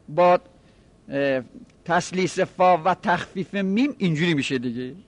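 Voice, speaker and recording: A man teaching a grammar lesson, reciting word forms slowly over and over, then explaining them in quick asides. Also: a little high. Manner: drawn-out chanting repetitions of word forms.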